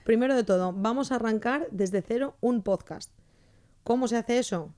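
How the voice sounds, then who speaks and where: Chatty woman with a mellow voice. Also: on the high side, normal speed. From born in Canada, raised in Spain. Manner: chatty, leads the talk with questions. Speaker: podcast co-host. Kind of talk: casual podcast chat. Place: farmhouse among orange trees.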